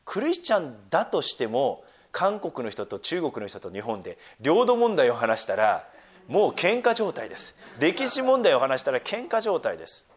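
A middle-aged man preaching with a lively, wide-ranging voice that sits a little high for a man. He swings from hushed, almost whispered asides to loud emphatic points. He reads scripture in a slow, drawn-out cadence. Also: breathy edge. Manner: animated, swings from soft near-whispers to loud emphatic lines. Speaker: pastor. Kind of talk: sermon.

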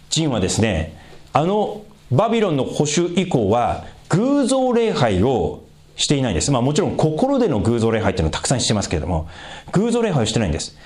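Animated male pastor preaching. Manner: conversational, asks the congregation questions; lively pitch swings for emphasis. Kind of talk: sermon.

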